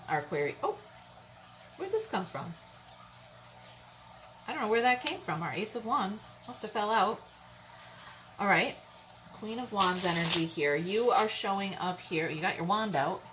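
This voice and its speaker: A woman's voice: on the low side, normal speed, background noise. A woman giving a casual, chatty tarot reading, bluntly speaking her mind and often checking in with her listeners. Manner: chatty, keeps checking in with "okay?" and "all right?". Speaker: tarot reader.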